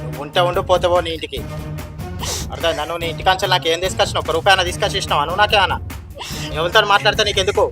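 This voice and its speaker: A man's voice: sits high, fairly even intonation, rapid-fire, natural voice. An actor playing a harsh village husband who scolds and dismisses his wife. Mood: scolding. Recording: background music under dialogue.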